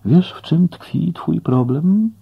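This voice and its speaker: A man doing a gently scolding young woman. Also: fairly high pitch, lively intonation, slow, vocal fry, slightly rough, highs cut off, voice pushed up, full character voice. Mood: chiding.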